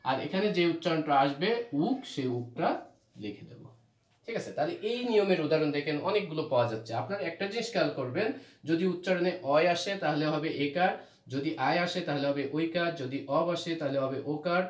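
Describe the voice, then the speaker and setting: A man's voice: on the high side, a little fast. A man from Bangladesh teaching a grammar lesson, repeating rules and asking questions that he answers himself. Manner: repetitive, asks questions then answers them. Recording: roomy echo.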